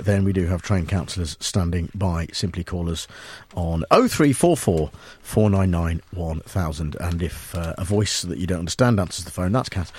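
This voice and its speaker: A man hosting a comic radio talk show, playful and mock-serious, with many fillers. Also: low voice.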